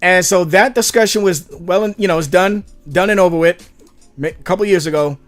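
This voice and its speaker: A man's voice: high voice, moderate pace, no echo, soft background music. A man hosting a livestream, talking in an exasperated, rambling way with frequent restarts. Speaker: channel host. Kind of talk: livestream commentary.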